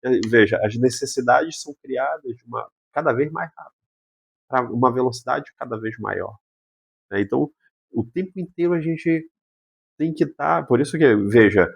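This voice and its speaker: A man's voice: medium pitch, normal speed, vocal fry, breathy edge, muffled recording. A man, a psychologist talking casually on a podcast and explaining with rhetorical questions. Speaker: psychologist guest.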